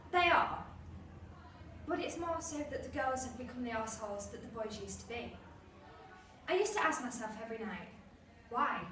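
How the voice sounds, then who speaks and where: A woman performing a monologue as a bitter, defiant bullied schoolgirl, with a measured, scornful delivery. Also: a little high, fairly bright tone. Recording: echoey room, far mic, noisy.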